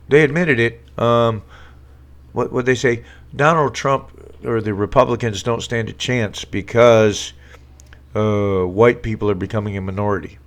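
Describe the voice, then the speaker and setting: A man with a medium-pitched, slightly bright voice streams casually from a home room fitted with a green screen. He talks politics sarcastically and at length, stumbling through many fillers and restarts.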